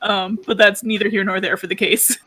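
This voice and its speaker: Female player, reflective, talking through choices. Bright tone. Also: medium pitch, level tone, fairly quick. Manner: thoughtful, reasoning aloud. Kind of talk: tabletop game play.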